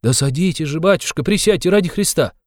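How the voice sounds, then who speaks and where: A man's voice: fairly high pitch, expressive, quick pace, dry recording, studio quality, voice pushed up, natural voice. A man voicing a sly, fussy middle-aged male investigator who talks in a wheedling, fawning way with sly asides.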